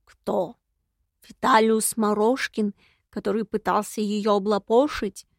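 A woman voicing a creaky ancient villain. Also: medium pitch, fairly even intonation, dry recording, studio quality. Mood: grumbling. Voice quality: creaky, raspy. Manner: slow, grumbling, menacing drawl. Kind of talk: audiobook character reading.

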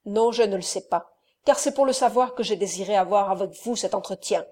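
A woman reading the part of a young wronged countess in an audiobook, with a firm, measured voice. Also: medium pitch, a little mellow, close to an everyday voice.

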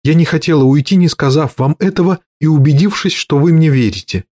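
A man reading an audiobook and voicing a calm, determined young woman who keeps asking pointed questions. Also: a little high, brisk, dry recording, clean studio sound, voice pushed up, natural voice. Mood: resolute. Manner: earnest, persistent questioning.

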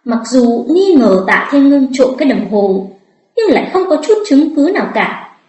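Woman audiobook narrator, expressive, fairly high voice, echoey room. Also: moderate pace.

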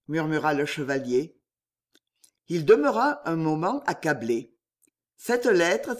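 An audiobook reader narrating a classic novel in an expressive storytelling manner. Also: medium pitch.

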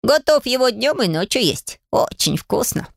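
A woman's voice: fairly high pitch, sing-song, moderate pace, vocal fry, no room sound, clean studio sound, voice pushed up, heavily acted. A woman voicing a centuries-old male stove spirit who speaks humbly and earnestly.

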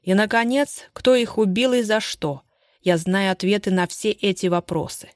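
A woman reading aloud, voicing a confident male private investigator who speaks in a cold, sharp, pressing way. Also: lowish voice, a little slow, no echo, studio quality, lightly acted. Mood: menacing.

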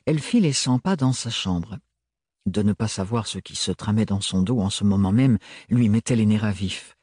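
A man narrating a novel as an audiobook in a measured, even storytelling manner. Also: fairly low pitch, breathy edge, dry recording, studio quality. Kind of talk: scripted narration.

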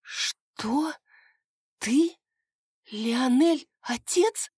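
A woman's voice: sits high, lively intonation, extremely slow, darkish tone, breathy edge, no room sound, studio quality, pitched above the performer's own voice, exaggerated voice. A woman voicing a frightened young woman who pleads in shock.

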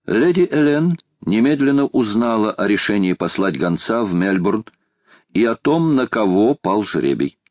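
A male audiobook narrator reading in a measured, even way. His voice is low. The recording is close and dry. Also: dry recording. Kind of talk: scripted narration.

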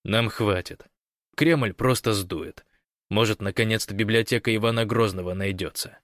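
A man voicing a sly schemer, soft, wheedling, low voice, dry audiobook. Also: moderate pace, dry recording, natural voice. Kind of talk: audiobook character voice.

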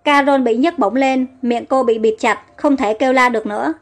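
A woman reading a story aloud in steady audiobook narration. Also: sits high, moderate pace, faint music behind. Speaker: story reader.

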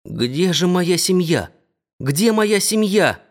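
A man's voice: on the high side, measured pace, a little mellow, voice pushed up, close to an everyday voice. A man reading an audiobook and voicing an anxious young boy who pleads urgently for news of his family. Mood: pleading.

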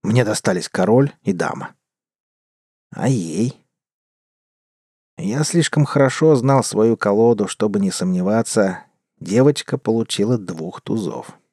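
Brief: male audiobook narrator, expressive, deep-ish, dry close recording. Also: moderate pace, no room sound. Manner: expressive storytelling.

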